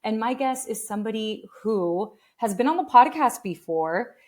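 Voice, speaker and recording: A woman's voice: a little high, animated, moderate pace. A woman hosting a podcast, reading an introduction in an upbeat, emphatic way. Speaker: podcast host and coach.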